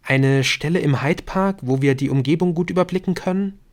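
Audiobook: male narrator voicing a sharp teen girl, deadpan, raised pitch. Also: brisk, lightly acted. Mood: determined. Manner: dry, deadpan teasing. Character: quick-witted teenage girl, dry humor.

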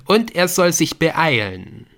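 A man voicing an excitable young man in an audiobook, talking urgently and emphatically. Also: a little high, slow pace, creaky, voice pushed up, full character voice. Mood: insistent. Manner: urgent, emphatic, a little brash.

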